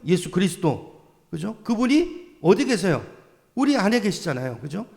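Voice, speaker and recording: A man's voice: high voice, very animated, moderate pace, gravelly, darkish tone. A male pastor preaching a sermon, pressing the congregation with repeated questions and emphatic calls to faith. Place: church sanctuary. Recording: long church hall reverb.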